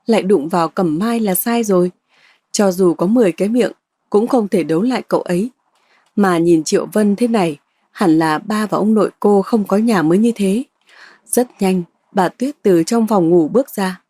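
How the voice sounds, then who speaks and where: A woman reads a novel aloud in a steady, even storytelling voice. Her tone is dark and a little husky. The recording is close and dry. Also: mid-range voice, normal speed, dry recording. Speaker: audiobook narrator. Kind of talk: storybook narration.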